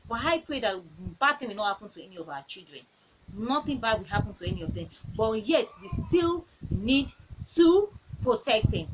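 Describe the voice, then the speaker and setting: A woman's voice: high voice, a bit bright, slight background noise, poor audio. A woman in her thirties giving earnest parenting advice in a casual talk. She repeats phrases and tells stories from her own home.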